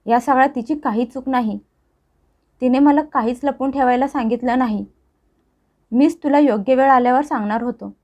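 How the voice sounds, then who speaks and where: A woman's voice: high-pitched, normal speed, darkish tone. A woman voicing a troubled young husband who pleads with his mother and defends his wife, on a dull lo-fi recording. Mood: tense pleading. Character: young married man, troubled and pressured son.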